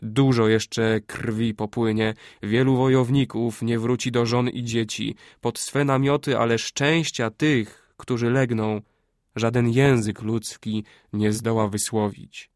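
A man's voice: medium pitch, fairly even intonation, no echo, studio quality, close to an everyday voice. A man voicing a solemn preaching prophet. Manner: slow, solemn, declaiming. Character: a male Sudanese prophet preaching holy war.

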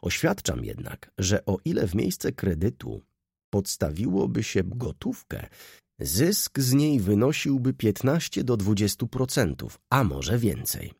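A man voicing a self-assured merchant who explains his plans in a measured, businesslike way. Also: on the low side, sing-song, gravelly, darkish tone, husky, no echo, clean studio sound, pitched above the performer's own voice, exaggerated voice.

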